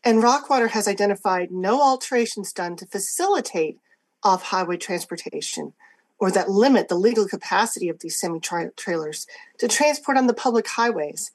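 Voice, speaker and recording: A woman's voice: medium pitch, poor audio. Assertive woman lawyer in formal argument. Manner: assertive, emphatic, measured phrasing. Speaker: government lawyer arguing an appeal. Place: remote court hearing.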